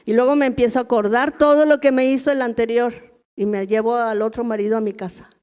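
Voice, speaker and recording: A middle-aged Mexican woman gives a casual, talky church lesson to a room of women. Her voice sits a bit high, and she keeps turning to her listeners with quick questions. It feels like everyday preaching rather than a formal sermon. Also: fairly even intonation, a little mellow, clean tone. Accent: Mexican Spanish. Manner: chatty, asks the audience rhetorical questions. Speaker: women's ministry teacher. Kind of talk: conversational church teaching.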